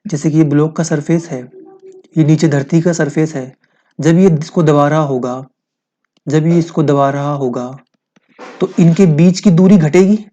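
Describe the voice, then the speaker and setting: A man's voice: on the high side, fairly even intonation, a little slow, dark tone, highs cut off. A man teaching a physics lesson, explaining step by step, asking his students questions and repeating key points.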